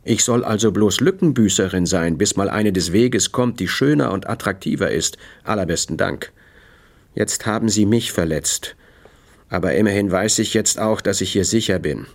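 A man's voice: fairly low pitch, normal speed, vocal fry. A man voicing a proud, guarded adult woman in an audiobook, talking with slightly raised indignation. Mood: offended. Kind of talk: audiobook character voice.

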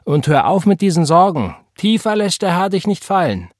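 A man's voice: mid-range voice, lively intonation, normal speed, a little mellow, breathy edge, no echo, clean studio sound. A man reading an audiobook and voicing a blunt, motherly older woman who talks in an emphatic, preachy way. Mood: bossy. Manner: preachy, emphatic, invokes the Lord. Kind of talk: audiobook character voice.

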